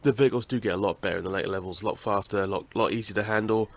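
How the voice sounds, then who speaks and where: A young British gaming channel host, congested with a cold and a blocked nose, chats through a let's-play and swears now and then. His voice sits fairly low and comes out rapid-fire.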